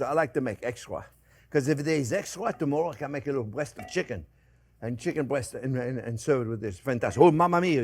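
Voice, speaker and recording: An older man hosting a cooking show, chatting casually and animatedly to viewers as friends and often repeating short phrases as he demonstrates. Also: medium pitch. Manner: addresses viewers warmly as friends.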